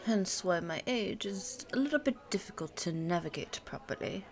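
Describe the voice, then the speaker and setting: Her natural, animated medium-pitched voice carries an ASMR roleplay in which she's a teasing, worldly pure-blood vampire girlfriend, ageless though she looks twenty-nine. Talking one-sidedly and intimately, she ponders slowly and hums before responding, with cafe ambience and soft music behind.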